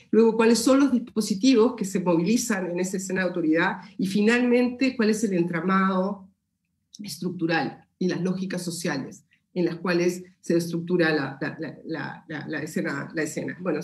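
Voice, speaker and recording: In an echoey room, a Peruvian sociology lecturer with a fairly low, darkish voice answers seminar questions in Peruvian-accented Spanish at a moderate pace. Her answer is thoughtful and academic, with many fillers and restarts.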